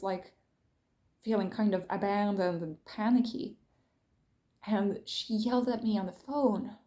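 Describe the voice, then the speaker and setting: A woman's voice: medium pitch, dark tone. A woman vlogging, retelling a frustrating phone call in an agitated, emotional way with many restarts. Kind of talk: casual vlog storytelling.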